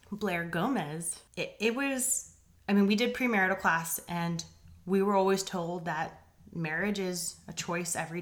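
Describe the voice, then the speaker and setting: Low-voiced young woman guest, earnest. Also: fairly bright tone. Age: 20s. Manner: earnest, reflective storytelling. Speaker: podcast guest. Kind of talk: casual interview chat.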